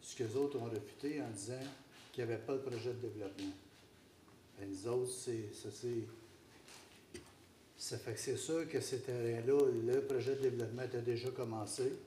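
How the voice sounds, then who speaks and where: A man's voice: mid-range voice, fairly even intonation, moderate pace, dark tone. A man with a Québécois accent speaking for the city at a council meeting, recounting events in a conversational way. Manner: storytelling, conversational. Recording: echoey chamber with faint background noise.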